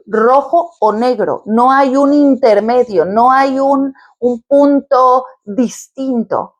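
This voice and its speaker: A woman who describes herself as a quantum therapist talks directly to her viewers in an advice video. Her voice is on the high side and a little mellow, and she walks through things step by step in an encouraging way.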